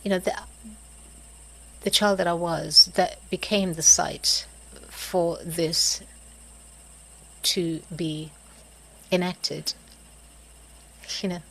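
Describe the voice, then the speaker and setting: A middle-aged woman talks through a personal reflection very slowly, with long pauses between short phrases. Her voice sits a little low and has a gravelly, creaky edge. She sighs and laughs softly as she searches for words. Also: steady tone, poor audio. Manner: halting, pausing, with soft laughs and sighs. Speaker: host of a reflective video series.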